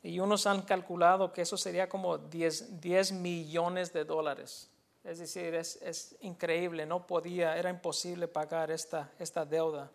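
A man's voice: on the high side, flat delivery, normal speed, vocal fry. A man preaching a sermon as a pastor, explaining a passage and then repeating the point in a second language, earnest and teacherly, with hesitant fillers and restarts.

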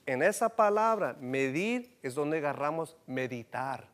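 A pastor preaches a bilingual teaching sermon, switching between Spanish and English with a slightly high voice and a somewhat slow pace. He fires question after question at his congregation and keeps rising to loud, emphatic, animated bursts.

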